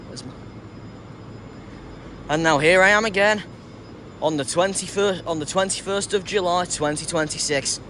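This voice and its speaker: A man with a slightly high voice gives casual vlog commentary over clear station noise. He talks hesitantly, correcting himself as he goes. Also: sharp tone. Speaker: trainspotting vlogger. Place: large railway station.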